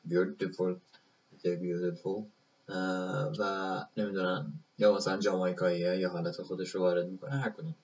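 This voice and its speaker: A man teaching English in a live question-and-answer lesson, explaining slowly, repeating examples with many fillers. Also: sits low, darkish tone, dull audio, a little hiss or hum. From Iran.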